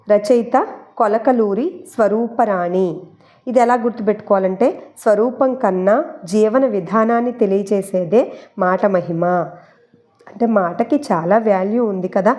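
Mellow-voiced woman teaching memory tricks. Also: medium pitch. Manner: chatty, repeats key points, mixes in English words. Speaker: exam-prep teacher. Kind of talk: explaining memory tricks for a Telugu syllabus.

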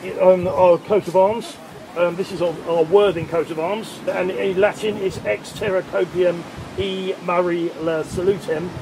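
A man's voice: high voice, fairly even intonation, moderate pace, noisy background. A middle-aged man with an English accent giving an informal, hesitant interview, often repeating words as he explains. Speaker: town crier being interviewed. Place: outdoors on a seaside pier bench.

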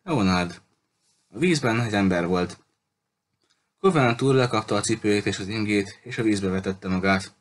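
Man, audiobook reader, steady measured narration, faint background hiss. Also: on the low side. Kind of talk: reading a novel aloud.

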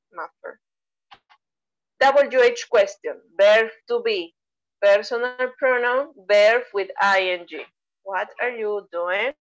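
Woman, Peruvian Spanish accent, English teacher, slow, patient, muffled dry sound. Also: a little high, fairly bright tone. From Peru. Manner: patient, explains step by step, praising students. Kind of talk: bilingual online English lesson.

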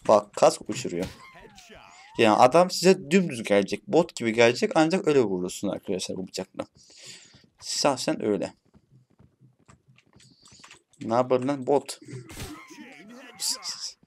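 A young man talks his way through a shooter match in loose, casual commentary. He chats with viewers, mutters at bots and curses in jest. His voice sits at an ordinary middle pitch for a man. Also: lively intonation, moderate pace, long pauses. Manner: chatty, swears playfully at bots, shouts when frustrated. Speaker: gaming YouTuber.

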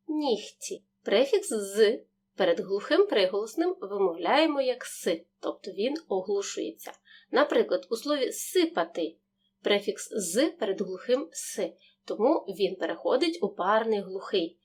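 Lively woman teacher giving a lesson. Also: medium pitch. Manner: clear, deliberate pronunciation of example words. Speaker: Ukrainian language teacher. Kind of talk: scripted video lesson.

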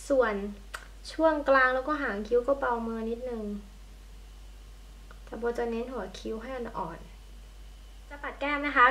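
A woman's voice: fairly high pitch, fairly bright tone. Chatty young woman doing a makeup tutorial. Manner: chatty, friendly, talks while applying makeup. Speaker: beauty vlogger. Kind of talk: casual makeup tutorial chat. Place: at home by a window in natural light. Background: passing trains.

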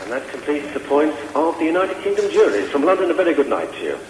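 A man announcing jury scores in a brisk, formal manner, his pitch swinging widely between the country and the points. He comes through a distant broadcast line with clear hiss and a reverberant tail. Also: big pitch swings. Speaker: jury spokesperson.

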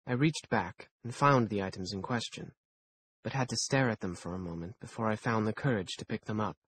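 A man reading a first-person audiobook aloud in a measured, dry storytelling manner. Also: fairly low pitch, fairly bright tone, slight background noise. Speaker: audiobook narrator.

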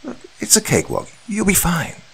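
A rushed, impatient surgeon, a bit out of breath, brushing off worries in a raised, quick voice. A man reads him out in a horror story. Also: lowish voice, big pitch swings, gravelly, husky, voice pushed up, full character voice. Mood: brusque. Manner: stressed, brisk, dismissive. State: mildly out of breath. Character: hurried, impatient male surgeon.

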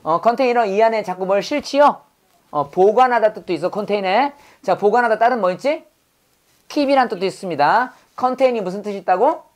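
A man's voice: high-pitched, animated, normal speed. A middle-aged male pastor teaching English vocabulary, asking quiz questions and having the class repeat words after him. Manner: drills words, asks quiz questions, corrects pronunciation. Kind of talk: classroom lesson with call-and-response drills.

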